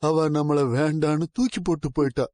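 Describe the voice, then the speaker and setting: A man's voice: fairly high pitch, fairly even intonation, fairly quick, a little mellow, natural voice. A middle-aged actor playing an ailing, loving father who longs for his daughter in a TV serial. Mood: emotional. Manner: weak, emotional. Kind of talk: TV serial acting.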